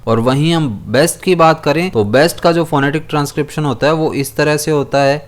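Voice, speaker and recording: A man's voice: on the high side, steady tone, brisk. Man teaching a school poem. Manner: explains step by step, asking and answering his own questions. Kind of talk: explaining a poem to school students.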